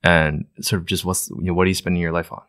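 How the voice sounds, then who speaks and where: A man's voice: low voice, fast. A man from Hong Kong talking as a podcast guest, telling stories loosely with many fillers. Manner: relaxed storytelling, many fillers. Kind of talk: casual interview talk.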